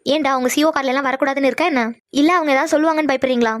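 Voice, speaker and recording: Woman voicing cartoon older friend, coaxing, insistent, high, brisk. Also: fairly even intonation, no room sound, studio quality, close to an everyday voice.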